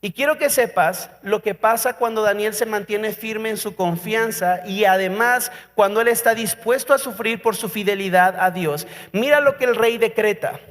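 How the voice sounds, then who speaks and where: A Mexican pastor with a strikingly high voice preaches a sermon, telling a story with drama and putting questions to his listeners. His words ring through a church hall with a long tail of reverb. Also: normal speed, few pauses, a bit bright.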